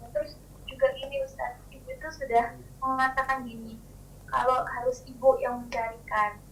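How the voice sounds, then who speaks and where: Over choppy, breaking-up call audio with a faint hiss or hum, a young woman asks a casual question while sounding far from the mic. Her high, fairly bright voice stays level at a moderate pace, but she's hesitant, full of fillers and restarts.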